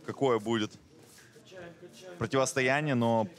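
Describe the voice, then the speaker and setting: A man's voice: medium pitch, fairly even intonation, measured pace. A man giving live fight commentary in a conversational, reactive way. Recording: live event, clear crowd noise.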